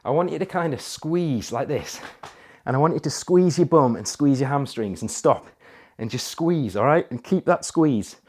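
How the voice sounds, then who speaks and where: A man leads a workout demonstration, talking through each move in a mid-pitched voice. He checks in with the listener after nearly every point and keeps the cues practical. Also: lively intonation, moderate pace, a little mellow. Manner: coaching with frequent "right?" and "okay?" check-ins; counts reps aloud while exercising. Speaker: fitness coach. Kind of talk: exercise demonstration.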